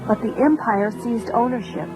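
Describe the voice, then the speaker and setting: An actress playing a commanding young rebel princess with an American accent, brisk and businesslike, in an audio drama. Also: female voice, fairly high pitch, over music, lightly acted, low-quality recording. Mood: earnest, briefing. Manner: businesslike, assured, clearly articulated.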